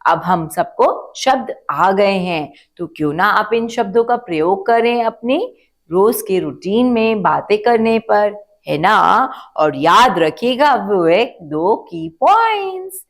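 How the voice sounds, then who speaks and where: A woman's voice: medium pitch, expressive. A woman teacher giving a children's phonics lesson, stretching out syllables and asking the kids to repeat words. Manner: slow, drawn-out syllables, asks children to repeat.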